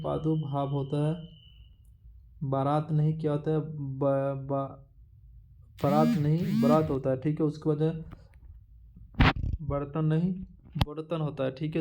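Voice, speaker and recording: A male teacher running an exam-prep lesson, reading through a word list in a repetitive drilling way with halting restarts. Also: on the high side, mellow.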